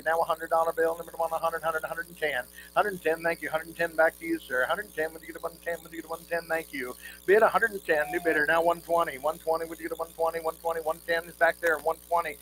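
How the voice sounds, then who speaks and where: Recorded live with an audible hum behind him, this man calls bids in a rhythmic auctioneer's chant, cycling numbers repeatedly and occasionally dropping folksy remarks to the crowd. His pitch is fairly high and stays narrow and steady.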